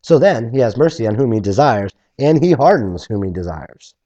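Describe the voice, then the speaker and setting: A man's voice: medium pitch, normal speed, highs cut off. A man preaching through a Bible passage in a conversational way, acting out the objections of listeners. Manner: animated, acts out objectors in voices; conversational, with restarts. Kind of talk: expository Bible teaching.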